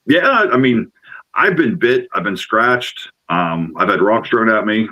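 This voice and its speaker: A middle-aged man tells a long story in casual conversation, his voice sitting a little low. He rambles and gets excited, stumbling over repeated words as he goes. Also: unhurried, poor audio. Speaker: paranormal investigator guest.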